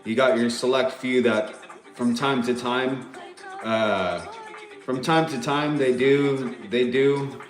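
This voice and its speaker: A man's voice: medium pitch, slow, roomy sound, faint music behind. A man delivering a rambling, profane rant to the camera, agitated and repeating himself.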